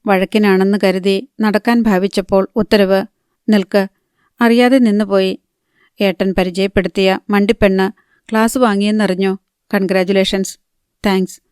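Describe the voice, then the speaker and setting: A woman reading a novel aloud as an audiobook narrator, in a measured, even manner, lightly voicing the dialogue. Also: medium pitch, smooth, dry recording, studio quality.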